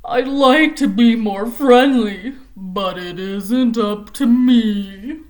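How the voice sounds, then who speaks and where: A woman voicing a glum, gloomy male fish with a pout, in a slow, drawn-out, mournful singsong from a picture book read-aloud. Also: a little high, darkish tone.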